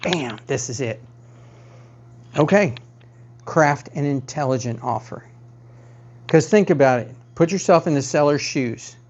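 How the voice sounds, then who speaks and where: A man's voice: on the high side, darkish tone, highs cut off, slight background noise. A man working as a real estate agent, giving emphatic advice straight to the viewer and repeating key phrases for stress. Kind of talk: direct-to-camera advice talk.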